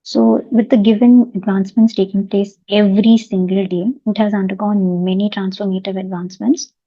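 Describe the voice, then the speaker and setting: A woman's voice: mid-range voice, flat delivery, moderate pace, no echo, muffled recording. A woman giving an academic lecture over a video call, explaining earnestly with restarts while her audio keeps cutting in and out at an uneven volume. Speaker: webinar presenter. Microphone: online video call.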